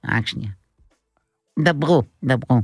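A man voicing a brisk female secretary who hurriedly patches a phone call through. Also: mid-range voice, slightly rough, no echo, clean studio sound, soft background music, pitched below the performer's own voice, natural voice. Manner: hurried, repeats herself.

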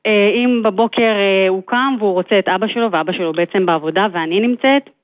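Mom on a phone line explaining stuff, hesitant, lots of ums, tinny sound. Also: female voice, mid-range voice, no room sound. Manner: hesitant, many fillers. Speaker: mother seeking advice. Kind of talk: consultation call.

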